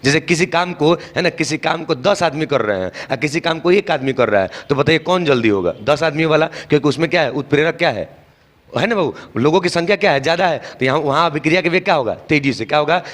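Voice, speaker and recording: Brief: male chemistry teacher, fast questioning delivery, slightly high voice, answers his own questions, checks in on students constantly. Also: animated, a bit bright. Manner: repeats questions and answers them himself, keeps checking understanding. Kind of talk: call-and-response classroom lecture.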